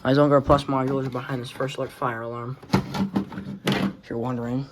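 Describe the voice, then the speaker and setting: Surrounded by working radios indoors, a radio collector gives a casual, rambling tour of his collection, offhand and mildly profane. He talks briskly at a medium pitch with little pitch movement. The recording is clear, with background noise and clicks.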